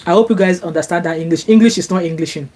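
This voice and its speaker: This Nigerian vlogger, Yoruba being her first language, races through viewer comments on a live stream in a mellow voice on the low side. Her casual talk is packed with fillers and restarts and climbs when she turns indignant. The setting is her home in sunny Glasgow, picked up by a laptop mic.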